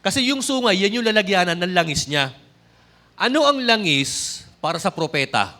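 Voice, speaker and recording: A man's voice: high voice, sing-song, moderate pace, bright, forceful tone. A man with a Filipino accent preaching a sermon, switching between Tagalog and English and often addressing the congregation directly. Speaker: pastor.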